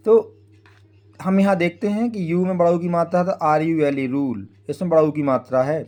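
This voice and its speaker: A man's voice: on the high side, steady tone, normal speed, a little mellow. Patient man spelling words out letter by letter. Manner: frequent tag "है ना" checking with the viewer. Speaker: English teacher. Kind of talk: Hindi-language English phonics lesson.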